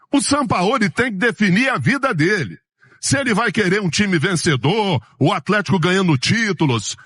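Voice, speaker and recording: A Brazilian man speaks as a radio football commentator in a high, dry-sounding voice. He is emphatic and indignant, giving opinions in colloquial speech. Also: fairly bright tone, dry recording. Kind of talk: opinionated post-match commentary.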